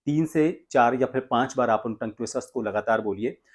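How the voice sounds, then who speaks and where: This instructional tutorial comes from an Indian man, a voice coach and presenter whose voice rests at a middle pitch. Going deliberately through each step, he keeps breaking off mid-sentence and then picking back up.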